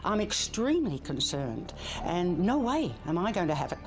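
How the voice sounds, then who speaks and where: A woman's voice: lowish voice, sing-song, normal speed. A woman speaking emphatically and with concern as a residents' campaigner in an interview. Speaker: residents' group founder being interviewed. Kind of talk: unscripted interview. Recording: music under the voice.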